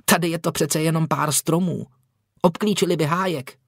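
A man voicing an earnest little boy of about six who talks in a know-it-all way, in a high, piping childish voice, for an audiobook. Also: fairly even intonation, fairly bright tone, dry recording, studio quality. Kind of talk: audiobook character voice.

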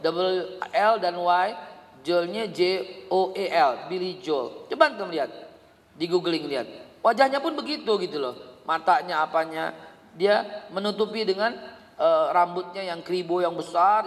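Man, middle-aged, sermon, lively storytelling, long reverb. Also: high-pitched, moderate pace. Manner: animated storytelling, quoting family dialogue; sings snatches of a song. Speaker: preacher.

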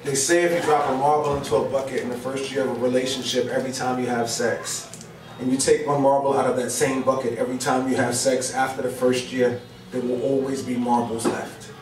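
A middle-aged New Jersey man with a local accent performs spoken word in a small, brick-walled indoor bar lounge, joking loosely and profanely with the crowd. His voice is medium-pitched, level, and fairly quick. A far camera records his stand mic from a distance, giving roomy live bar sound with background noise, audience ambience, and laughter.

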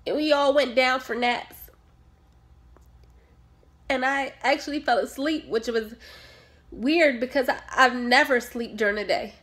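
Speaking in a high, fairly bright voice, a woman takes her time and leaves long pauses. She performs a dramatic monologue as a distraught, grieving mother who turns defensive when her sanity is questioned, delivering emphatic, pointed phrases.

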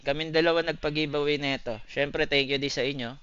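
A man's voice: on the high side, steady tone, fast, a bit bright, smooth, muffled recording. A man chatting loosely with his live-stream viewers, swearing often and calling them buddy. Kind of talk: casual live-stream chat answering viewers.

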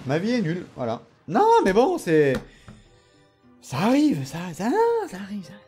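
Man, gameplay commentary, high voice, very lively pitch, teasing, self-mocking, faint music behind. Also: normal speed. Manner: animated, teasing and self-mocking, laughs often, bursts into excited shouts. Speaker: gamer commenting his own matches.

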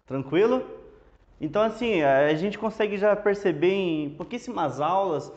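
A man with a Brazilian Portuguese accent teaching a casual language lesson at a whiteboard, explaining step by step in a relaxed, chatty way. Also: sits high, normal speed. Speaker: Hebrew teacher. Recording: dull lo-fi classroom audio.

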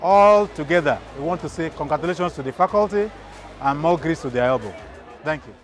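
A man's voice: on the high side, fairly quick, loud music behind the voice. A middle-aged man with a Nigerian accent, a university administrator, speaking formally in an outdoor interview. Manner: formal and congratulatory. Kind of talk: on-camera interview. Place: outdoor campus grounds.

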